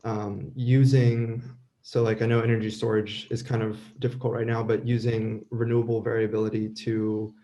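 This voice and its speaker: A man's voice: lowish voice, little pitch movement, moderate pace, mellow, highs cut off. A young man asking a question on a video call, hesitant and full of fillers. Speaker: audience member asking a question.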